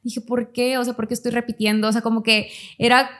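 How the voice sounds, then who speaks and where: A woman's voice: little pitch movement, a bit bright. A young woman, chatting casually on a podcast and acting out quoted dialogue as she tells a personal story. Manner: storytelling, acts out quoted dialogue in quick higher tones. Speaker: podcast co-host. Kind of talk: casual chat.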